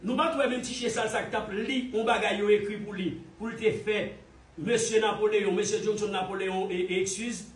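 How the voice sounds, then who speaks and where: A Haitian man with a high-sitting voice gives heated, scornful online commentary, mocking his target and hammering the same points again and again. His tone stays steady and his pace a little fast. He sounds distant from the mic in a roomy, echoey space.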